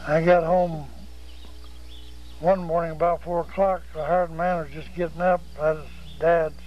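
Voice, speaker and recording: A man's voice: on the high side, level tone, a little slow, dull audio, slight background noise. An older man telling a wry, plain-spoken anecdote from his youth in an interview.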